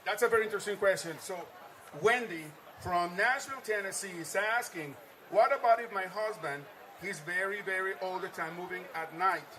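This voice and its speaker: A man's voice: sits high, normal speed, noisy background. A man hosting a live stream from a trade-show floor, reading viewer comments aloud and echoing his guests' answers in an upbeat way. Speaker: livestream host.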